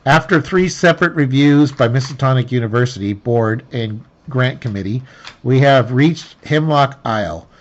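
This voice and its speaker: A man reads the story text of a tabletop game aloud at an ordinary middle pitch, tripping over words and going back to fix them. The recording is dull and lo-fi, lacking crispness. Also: normal speed, slight background noise. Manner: stumbling restarts and self-corrections while reading. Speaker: player reading the scenario aloud. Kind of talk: reading game narration aloud, with slips. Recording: dull lo-fi sound.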